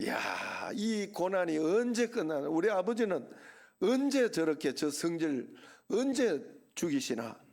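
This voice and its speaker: A middle-aged male pastor with a Gyeongsang accent preaches from the pulpit in a fairly high voice. He keeps it conversational and often turns questions back to the congregation. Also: big pitch swings, a little slow, vocal fry, a little mellow. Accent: Gyeongsang Korean. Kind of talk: sermon. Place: church sanctuary.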